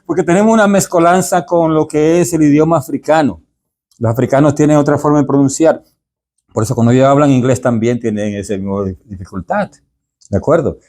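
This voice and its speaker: A man's voice: brisk, darkish tone. A middle-aged man with a Caribbean Spanish accent, teaching a workshop for church readers in a chatty way, often asking the group if they agree. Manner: chatty, asks the audience "¿de acuerdo?"; acts out examples with sudden pitch jumps. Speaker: deacon teaching a workshop for lectors. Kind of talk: informal teaching talk.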